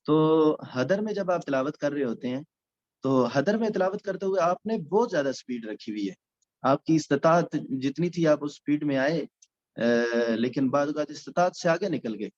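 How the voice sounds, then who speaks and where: A man's voice: on the high side, expressive, a little mellow, highs cut off. A male recitation teacher giving a recorded lecture, explaining step by step with frequent hesitation sounds.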